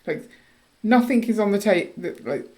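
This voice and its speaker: A woman's voice: mid-range voice, lively intonation, normal speed, a little mellow. A woman from the UK co-hosting a casual podcast with her husband, chatty and teasing, often restarting her sentences. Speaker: podcast co-host. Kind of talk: casual chat.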